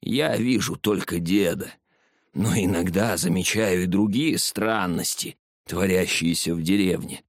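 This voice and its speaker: A man voicing a stern old village herbalist woman who talks curtly and hoarsely in an audiobook. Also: sits low, no echo, clean studio sound. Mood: weary. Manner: curt, slow and commanding.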